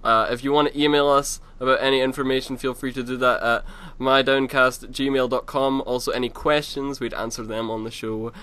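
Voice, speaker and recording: A man's voice: medium pitch, fairly even intonation, brisk, hardly any pauses, bright, forceful tone, clear, resonant tone. A man hosting a casual podcast chat, teasing his co-hosts and steering the talk. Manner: teasing, joking, bossy about the topic. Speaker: podcast host.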